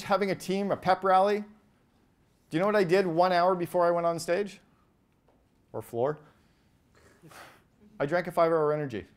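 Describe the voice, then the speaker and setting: A man speaks from a stage to a live audience, his voice sitting a little high for a man. He talks with lively energy, throws short questions at the crowd and runs through rapid lists of examples. His delivery is that of a seasoned keynote speaker. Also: smooth. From Canada. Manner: animated, asks the audience quick questions, acts out quoted voices.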